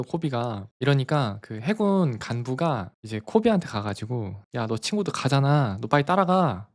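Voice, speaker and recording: A man's voice: medium pitch, a little mellow. A man casually retelling a cartoon story on a live stream, chatty and laughing often.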